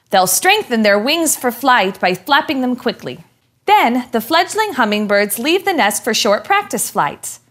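A young woman playing a curious, cheerful student, reading aloud clearly and expressively in a scripted educational show. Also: a little high, a bit bright. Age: young adult.

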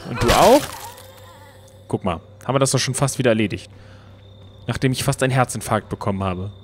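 Male Let's Play commentator, playful and chatty, mid-pitched voice. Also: fairly quick, slight background noise. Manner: playful, excitable, talks to the game. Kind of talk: casual gameplay commentary.

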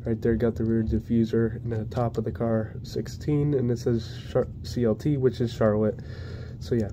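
In a casual unboxing vlog, a diecast collector reviews model cars, sounding congested from a cold. His medium-pitched speech is flat and even yet hesitant, full of ums and restarts. He records indoors at home against a plain wall, and the audio is muffled and noisy.

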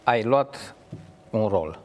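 A man's voice: lowish voice, lively intonation. A man hosting a TV interview, asking casual, teasing questions. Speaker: TV host. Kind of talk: interviewing a guest.

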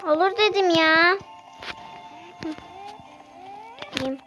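Little girl vlogger, super high voice, slow talk, game music behind. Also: bright, forceful tone, low-quality recording. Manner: searching aloud, repeating questions. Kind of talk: casual gameplay commentary.

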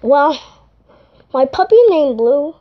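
A woman voicing a male toy tank engine in a halting toy play-along, with many fillers. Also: high voice, animated, dull audio. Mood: upset.

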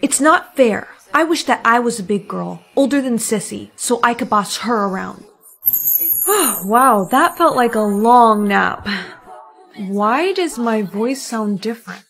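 A text-to-speech woman with a slightly high voice reads a storytime tale. Her delivery is even and clipped, in a clearly synthetic tone. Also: measured pace.

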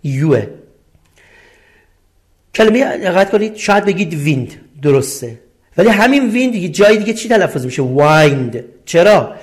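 A man's voice: sits high, very animated, pauses often. A middle-aged man with a Persian accent, teaching a recorded English lesson and explaining each point step by step, asking questions and answering them himself.

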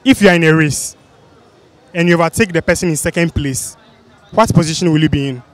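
A man's voice: on the high side, fairly quick. A young man with a West African, Ghanaian accent, putting quiz questions to people as a street interviewer. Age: young adult. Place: busy outdoor spot under a city flyover. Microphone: handheld microphone.

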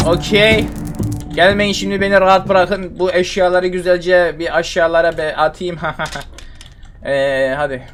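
A man's voice: high voice, fairly even intonation, a little slow, a bit bright, soft background music. A young man giving casual, exasperated commentary while playing a horror game, repeating himself and muttering complaints. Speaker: gamer streaming a horror game.

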